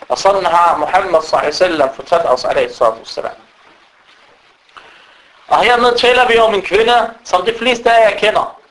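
High-voiced man preaching with Arabic recitations. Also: rough recording. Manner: animated, switches to recited Arabic quotations. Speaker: Islamic preacher. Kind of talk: sermon.

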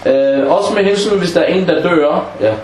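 A man teaching a class on Islamic legal maxims, often asking the students questions and acting out short example dialogues. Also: sits high. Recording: echoey room with faint background noise.

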